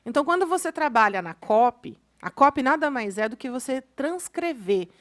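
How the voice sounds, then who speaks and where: A woman from Brazil co-hosting a podcast in casual chat, emphatic and opinionated, quick to push back. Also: high-pitched, big pitch swings. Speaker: podcast co-host.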